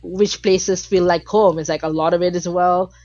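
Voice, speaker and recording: On a podcast, a woman from Malaysia chats as an animated, emphatic guest, peppering her casual talk with fillers. She has a lowish voice at normal speed, recorded without echo in lo-fi sound.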